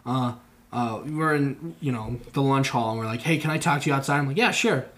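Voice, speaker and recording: A man's voice: mid-range voice, fairly quick, fairly bright tone. A young man telling a story in casual podcast chat, rambling and acting out the voices of the people in it. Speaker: podcast co-host.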